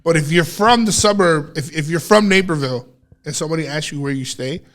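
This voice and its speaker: A man from Chicago's South Side jokes with friends on a casual podcast. He teases people and acts out what they would say. His voice is a bit higher than most men's. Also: fairly quick. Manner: teasing, mimics others in quoted voices. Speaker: podcast co-host. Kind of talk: casual chat.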